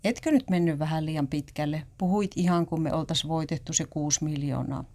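A woman's voice: low-pitched, dark tone, pitched below the performer's own voice, close to an everyday voice. Woman reading as a worried young man. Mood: uneasy. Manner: hesitant, uneasy. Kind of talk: read-aloud story dialogue.

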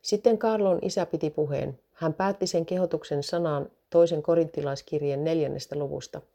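A woman narrating a story in a steady, even reading voice. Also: sits low, vocal fry.

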